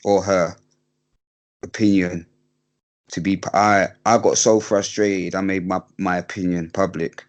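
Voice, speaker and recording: Low-voiced man, interview guest, hesitant delivery full of fillers and restarts. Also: level tone. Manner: hesitant, halting, many fillers. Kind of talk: candid interview talk.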